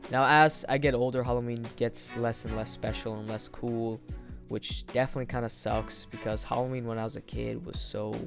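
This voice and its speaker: A young man tells a loose, rambling story in casual slang. He leans on filler words as he goes, at an ordinary middle pitch. Soft music plays faintly underneath. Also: gravelly. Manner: rambling, slangy, lots of "like" and "bro". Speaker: vlogger.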